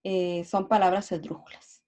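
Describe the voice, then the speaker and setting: A woman's voice: on the low side, little pitch movement, normal speed, warm tone. A woman teacher giving a review lesson, hesitant, full of fillers and tag questions.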